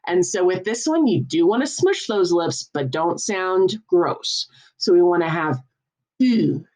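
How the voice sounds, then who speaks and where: A woman teaching a French lesson, explaining each point patiently and enunciating clearly. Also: lowish voice, expressive, unhurried, darkish tone. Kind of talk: classroom lesson.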